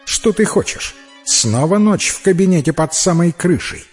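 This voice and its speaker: A man voicing a haughty, mocking young woman in a storybook reading, with a shrill, sneering manner. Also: big pitch swings, slow, soft background music.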